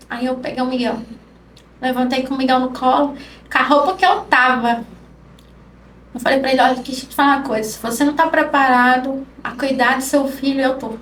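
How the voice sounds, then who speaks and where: A woman guest on a podcast telling an emotional personal story, acting out the dialogue in soft-spoken speech. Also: high voice. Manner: acts out quoted dialogue, speaks softly. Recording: roomy, distant mic with faint noise.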